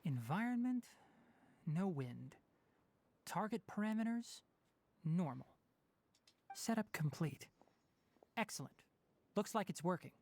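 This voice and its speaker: An actor playing a calm, precise young male forest researcher in a video game, explaining in a measured, matter-of-fact way. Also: high voice, full character voice. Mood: focused.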